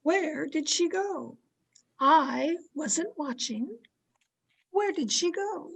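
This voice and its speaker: Woman playing a high-voiced, creaky, domineering frightened wife. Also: lively intonation, exaggerated voice. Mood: imperious, suspicious. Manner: imperious, dramatic, halting dread. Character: domineering, fearful wife haunted by a silent ghost. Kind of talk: old-time radio thriller acting.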